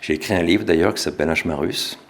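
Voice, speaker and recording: A middle-aged French man, an author, giving a relaxed public talk with small self-corrections. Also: low voice, fast talker. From France. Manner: relaxed, self-deprecating, with restarts. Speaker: author and speaker.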